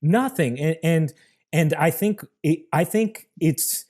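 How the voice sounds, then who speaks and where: A man's voice: fairly high pitch, slow pace, darkish tone. A man hosting a podcast, framing a question with many hesitations and fillers. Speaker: podcast host. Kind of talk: podcast interview.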